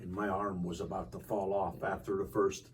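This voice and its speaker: A man hosting a podcast interview, asking open questions in a relaxed, chatty way. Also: low voice, normal speed. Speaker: podcast host. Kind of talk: conversational interview. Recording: distant mic with faint background noise.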